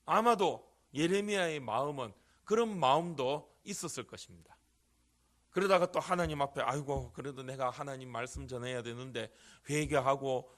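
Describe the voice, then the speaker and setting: Middle-aged male pastor, fairly high voice, earnest sermon delivery that builds to emphatic peaks, miked in church. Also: a bit bright. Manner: earnest preaching, rises to emphatic cries. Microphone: handheld or stand microphone.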